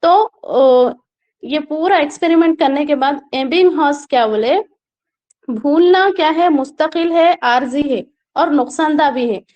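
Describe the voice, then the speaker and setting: Female online tutor with a high-pitched voice, walking students through concepts and often checking in. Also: unhurried, darkish tone. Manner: explains step by step with frequent check-in questions to viewers. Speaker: teacher. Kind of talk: online exam-prep lecture.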